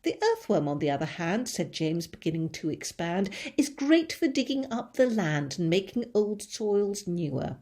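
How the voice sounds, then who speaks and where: A woman's voice: lowish voice, sing-song, normal speed, hardly any pauses. A woman voicing a cheerful, friendly small boy who calls out eagerly in a storybook reading. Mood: proud. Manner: bright, eager calling out.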